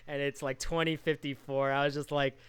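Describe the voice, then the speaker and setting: A man's voice: medium pitch, flat delivery, a little fast, smooth, no echo. A man in his twenties, co-hosting a podcast with friends, casual and full of swearing. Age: 20s. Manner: swears a lot, loud outbursts. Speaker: podcast co-host.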